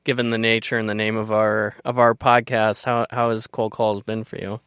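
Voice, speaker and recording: A podcast host asking questions with halting restarts. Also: mid-range voice, flat delivery, fairly bright tone, clean tone, no echo, studio quality. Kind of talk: casual podcast interview.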